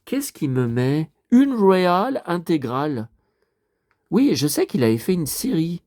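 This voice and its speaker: A man's voice: a little high, big pitch swings, measured pace, darkish tone, no room sound, clean studio sound. A man vlogging casually to his viewers, rambling and muttering with mild swearing as he talks from home in front of a TV.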